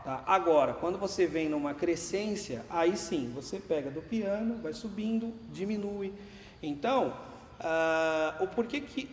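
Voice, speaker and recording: A man teaching a music class, patiently explaining dynamics while counting beats and singing note names. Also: sits high. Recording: echoey classroom with long reverb, faint room noise.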